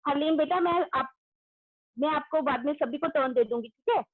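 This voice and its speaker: Loud high-voiced woman teaching an online class. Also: normal speed, dry recording. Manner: loud, calls out pupils' names and praises answers. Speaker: school teacher. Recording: tinny phone-like audio.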